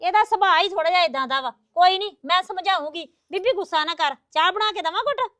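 A woman playing a meek young daughter-in-law who talks softly to calm her mother-in-law. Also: extremely high pitch, quick pace, no echo. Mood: soothing. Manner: soft, placating.

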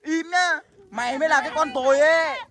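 A performer voicing a brash young male skeleton who lectures his friends and shouts at them in a cartoon skit. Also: high voice, brisk, a crowd in the background, lightly acted. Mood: scolding. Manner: scolding, lecturing, bursting into shouts.

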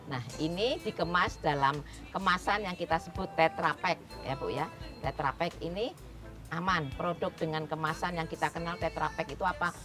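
A woman's voice: sits low, moderate pace. A woman hosting a cooking demonstration on an outdoor street stage, explaining each step in a chatty, instructive way and often addressing the audience directly. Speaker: cooking show host. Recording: music playing behind.

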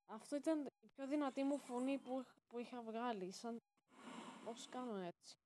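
A woman commenting casually on her own game as she plays, excitable and prone to sudden shouted exclamations. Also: fairly high pitch. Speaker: gaming channel host.

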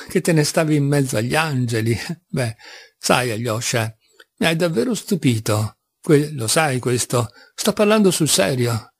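A man's voice: mid-range voice, no echo. A man reading an audiobook, voicing a mocking, ironic young male seminarian who teases with astonished sarcasm. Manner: teasing, sarcastic, by turns astonished. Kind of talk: audiobook reading of a classic novel.

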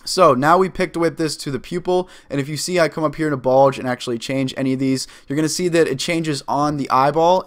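A man in his twenties giving an upbeat, step-by-step screen-recorded software tutorial from a desk in a small room. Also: fairly high pitch. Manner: upbeat, instructive, walks through each click step by step. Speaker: video editing tutor.

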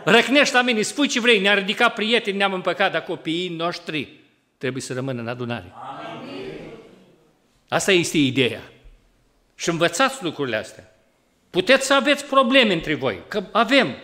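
Animated preacher man with a Romanian accent. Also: high voice, pauses often. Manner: lively, rising loud when driving a point home; acts out everyday quarrels in a colloquial voice. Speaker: pastor. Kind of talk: sermon. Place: church hall.

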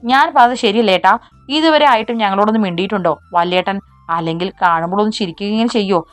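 A woman's voice: medium pitch, fast, dry recording, faint music behind, natural voice. A woman voicing a teasing, hot-headed younger brother in a romance audiobook. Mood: resentful. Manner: teasing, then resentful.

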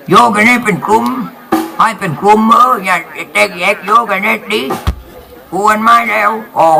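A man with a Southern Thai accent performing live as a shadow-puppet master, talking in lively, folksy comic banter. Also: sits high, gravelly, poor audio. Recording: live show with music and crowd.

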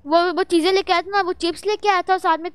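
A woman giving excitable, jittery gameplay commentary as a vlogger, with loud exclamations while playing a horror game. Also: very high voice, quick pace. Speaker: gaming vlogger.

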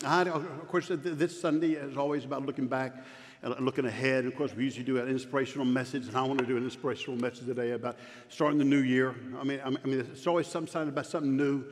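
On a large church sanctuary stage, a stuttering man in his fifties, a pastor, preaches a self-deprecating, joking sermon. He speaks quickly with a medium pitch and steady tone, and the recording carries long hall reverb and faint room noise.

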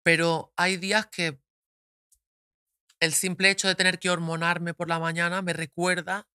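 A woman guest, speaking frankly and openly in a studio conversation, often slowing down to reflect. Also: on the low side, little pitch movement, pushed and bright, no echo. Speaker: guest, actress. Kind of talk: candid personal conversation. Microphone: studio mic.

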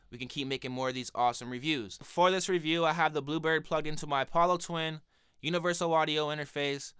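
A young music producer with a cold reviews a microphone in his small home studio, chatting casually and directly with viewers in a relaxed vlog. He speaks into a studio condenser mic on a stand in front of him, and his higher-pitched voice comes through clear and resonant with no echo.

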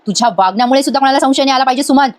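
Woman narrator doing a loud, threatening serial villain husband, high-voiced and fast. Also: close to an everyday voice. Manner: shouting, threatening. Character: menacing husband, a bullying adult man. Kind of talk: dramatic reading of serial lines.

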